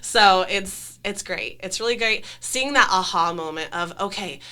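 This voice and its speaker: A woman speaks as a company trainer in a corporate training video. Her voice is bright and forceful at a middle pitch. She explains things conversationally, with emphasis and enthusiasm. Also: a little slow, smooth. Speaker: staff trainer.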